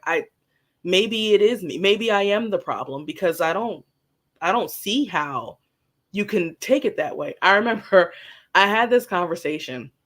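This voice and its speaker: A guest telling a personal work story candidly and animatedly, swearing casually. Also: medium pitch. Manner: animated, acts out quoted dialogue, swears casually.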